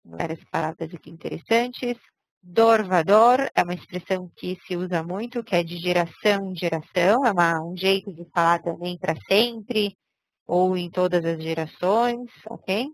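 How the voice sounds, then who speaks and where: A woman's voice: fairly low pitch, normal speed, no echo, rough recording. A woman teaching a language lesson, patiently explaining step by step and checking in with her students. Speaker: Hebrew teacher.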